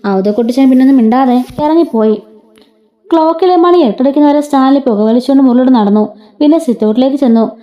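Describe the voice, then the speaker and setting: A woman's voice: sits high, quick pace. A woman narrating a serial story, reading the dialogue without much change of voice. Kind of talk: read-aloud story narration. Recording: dull lo-fi sound.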